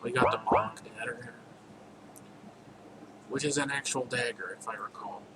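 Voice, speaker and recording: Guy showing off his own game, rambly and jokey, mid-pitched voice, noisy hiss behind. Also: fairly even intonation, unhurried. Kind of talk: casual gameplay commentary.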